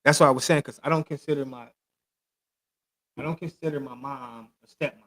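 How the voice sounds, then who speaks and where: A man's voice: medium pitch, steady tone, brisk, a bit bright, no room sound. A man in his late thirties in casual podcast chat, talking in loose, slangy, emphatic stories. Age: 30s. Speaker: podcast host.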